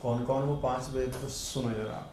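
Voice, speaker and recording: A man's voice: medium pitch, steady tone, normal speed, darkish tone, heavy reverb, a little hiss or hum. A man teaching Sanskrit grammar in an online exam-prep class, repeating key terms and asking and answering his own questions.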